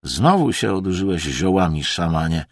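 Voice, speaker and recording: A man voicing a curt, gruff male expedition leader who talks in clipped, sharp phrases. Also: deep voice, sing-song, moderate pace, no echo, clean studio sound, heavily acted.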